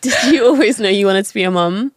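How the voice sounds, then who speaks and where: A woman hosting a podcast interview, supportive and quick to affirm her guest. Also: medium pitch, dry recording. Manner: supportive, agrees and affirms often. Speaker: podcast host. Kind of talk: casual interview.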